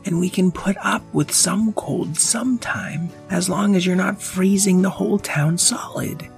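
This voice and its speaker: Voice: mid-range voice, a little slow, creaky, soft background music, pitched above the performer's own voice. A storyteller voicing a spirited, eager young adventurer girl in a storybook tale.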